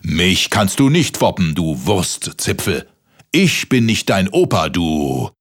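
A man voicing a huge, gruff male giant in a children's story, bellowing threats and insults. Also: low voice, very animated, slow, full character voice. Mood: menacing. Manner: bellowing, threatening, name-calling.

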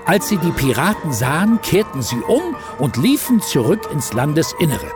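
A man narrating a scripted children's story in an expressive storytelling manner. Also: fairly high pitch, moderate pace, loud music behind the voice.

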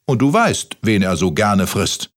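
A man doing a high, fussing old granny. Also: sing-song, unhurried. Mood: fussing, caring. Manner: high, warbling, caring. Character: fussing kindly grandmother.

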